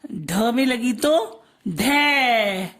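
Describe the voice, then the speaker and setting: A woman teacher giving a slow, patient lesson to children. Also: a little high, expressive. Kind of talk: online class lesson.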